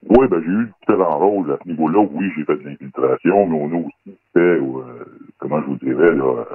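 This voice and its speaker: An anonymous man with a Québécois French accent speaks as a guest on a radio talk show. His voice is electronically disguised and pitched very deep, and he talks in a guarded, hesitant way with many fillers. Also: brisk, slightly rough, dry recording. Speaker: anonymous guest, former undercover federal police agent. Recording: dry, phone-like band-limited sound.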